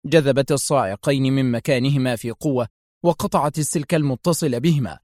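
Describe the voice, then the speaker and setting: A man narrating a thriller novel aloud in a steady, dramatic storytelling manner. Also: medium pitch, a little fast, no echo, clean studio sound.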